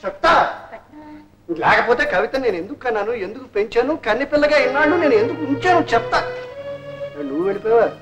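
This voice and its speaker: An actor playing a blustering, scheming rich middle-aged father in a 1980s film, loud, with a catchphrase he keeps repeating. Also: very high voice, lively intonation, fast talker, music in the background.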